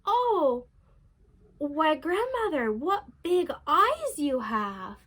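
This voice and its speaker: An innocent, polite little girl from a storybook, played by a woman. Her voice is very high and bright, with lively rises and falls. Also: drawn-out words, exaggerated voice.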